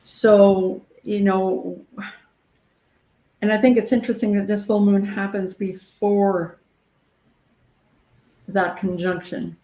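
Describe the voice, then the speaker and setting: A woman's voice: mid-range voice, level tone, slow, long pauses, mellow. A woman, a guest astrologer on a video call, talking reflectively and sometimes losing her thread, her line echoing as if she were in a cave. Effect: cave-like echo on her line. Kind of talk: casual group chat on a video call. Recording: echoey video call audio.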